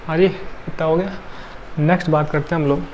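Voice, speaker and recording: A man's voice: on the high side, steady tone, a little fast, a little mellow, slight background noise. A male chemistry teacher, tired, lecturing a class and counting carbons aloud with frequent checks like "right?".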